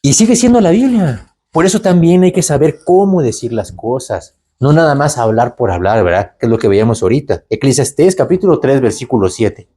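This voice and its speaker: A man preaching. His voice is dark and a little husky, and it swoops up and down through a wide pitch range. He keeps asking the listeners rhetorical questions. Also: brisk, hardly any pauses. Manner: animated, asks rhetorical questions, tags lines with "¿verdad?". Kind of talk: conversational Bible teaching.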